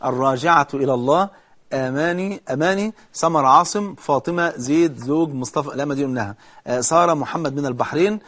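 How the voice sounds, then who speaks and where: A man's voice: a little high, quick pace, a bit bright. A man with an Egyptian Arabic accent giving a religious talk, reading out a long list of names and offering prayers, rising to fervent emphasis. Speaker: preacher.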